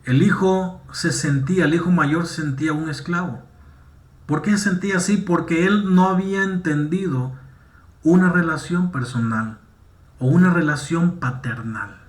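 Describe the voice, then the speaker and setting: A man's voice: fairly high pitch, moderate pace, reverberant. A man preaching a sermon, often asking "¿sí?" and saying "amén" to the congregation as he reads and explains a Bible passage. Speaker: pastor.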